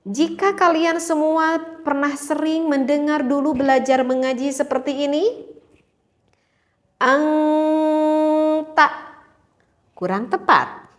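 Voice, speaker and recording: A woman's voice: high-pitched, normal speed. A woman teaching Quran recitation rules to learners at home, patiently demonstrating each sound by repeating it. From Indonesia. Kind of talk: tajweed lesson for home learners.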